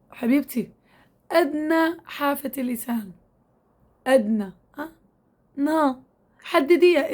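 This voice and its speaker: High-voiced woman teaching recitation. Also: a little mellow. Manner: patient, repeats drill syllables slowly and coaxingly. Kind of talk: tajweed lesson to women learners.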